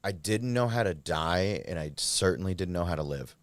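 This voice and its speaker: A man's voice: deep voice, animated, moderate pace, no room sound. A man, a podcast guest, candidly telling his recovery story in a rambling, filler-heavy way.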